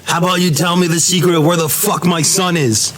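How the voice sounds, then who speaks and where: A man playing in a tabletop game, answering in a blunt, deadpan way. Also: sits high, brisk, slight background noise. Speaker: player. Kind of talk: casual play banter.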